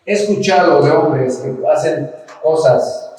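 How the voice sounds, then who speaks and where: A man from Mexico preaches a sermon in a church hall, his fairly high voice lifting into fervent emphasis. The sound carries strong echo from the room. He stands some way back from the microphone. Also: takes it slowly. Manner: impassioned preaching, rising to shouts in quoted cries. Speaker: pastor. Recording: echoey church hall, mic at a distance.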